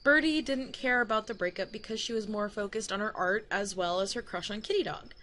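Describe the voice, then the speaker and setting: A woman's voice: medium pitch, brisk, sharp tone. A young adult woman giving a casual, digressive rant to camera, laughing mid-sentence and swearing now and then. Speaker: YouTuber.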